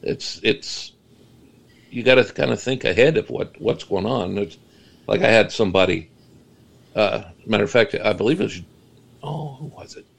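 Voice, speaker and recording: A middle-aged man, a guest researcher, talking in a casual podcast interview, halting and repeating words, then explaining at length. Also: lowish voice, creaky, husky.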